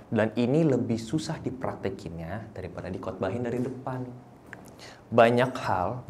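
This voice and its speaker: Young male preacher, lively and theatrical, switching to English lines, faint noise behind. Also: lowish voice. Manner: animated, mixes English phrases, acts out voices, often rises to near shouting. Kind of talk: lively sermon. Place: church hall.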